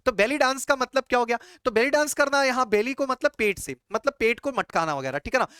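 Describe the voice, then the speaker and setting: A young man teaching English idioms in a lively classroom style, repeating each question to his students and answering it himself. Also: very high voice, fast, clean tone, dry recording. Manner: chatty, calls listeners brother and child.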